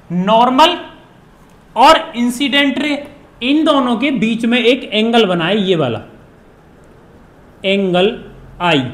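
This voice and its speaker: A man from India teaching a physics lesson, repeating key phrases and dictating definitions slowly word by word. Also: extremely high pitch, a bit bright. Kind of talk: classroom physics lesson in Hindi and English. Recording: echoey room.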